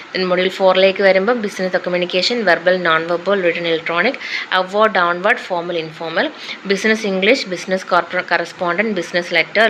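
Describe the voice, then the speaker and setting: A woman with a Malayali accent and a low-leaning, bright, forceful voice reads out a course syllabus as a list of topics, like a teacher going through it. Her short phrases switch between English and Malayalam, and the low-quality recording has a little hiss or hum.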